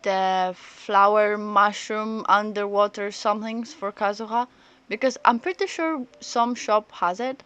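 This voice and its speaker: Over the music of a story game she's playing, a female streamer chats casually, her rambling speech halting as she thinks aloud. Her voice is medium-pitched with a clear, resonant tone, though the audio is dull.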